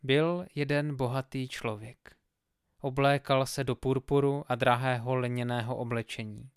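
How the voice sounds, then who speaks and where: Smooth-voiced man reading scripture. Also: mid-range voice, fairly even intonation, dry recording, studio quality. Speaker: Bible reader.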